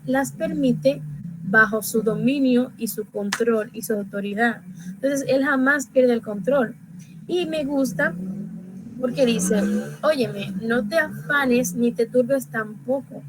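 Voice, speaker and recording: Reflective woman with a higher voice. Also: rough recording. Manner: reflective, reads scripture aloud slowly and deliberately. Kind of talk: casual devotional sharing.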